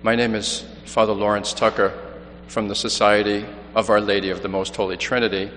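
Reading the Gospel and then preaching an earnest mission appeal with frequent restarts, this New York City missionary priest has a fairly low, fairly bright voice. He talks briskly with a flat delivery. The large church gives the recording a long reverb, along with a faint hum.

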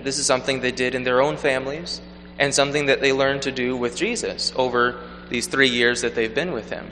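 A man speaking as a clergyman at Mass in a measured, deliberate way, his voice echoing through a large church. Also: medium pitch, a bit bright. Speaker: clergyman preparing for priesthood, preaching at Mass. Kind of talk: liturgical reading and reflective sermon. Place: large reverberant church interior. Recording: cathedral-like echo, long hall reverb, background noise.

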